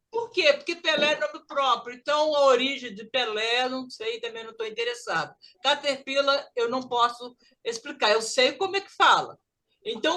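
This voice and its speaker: A woman with a Brazilian Portuguese accent teaching an English pronunciation lesson, lively and drilling words slowly for students to repeat. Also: high voice.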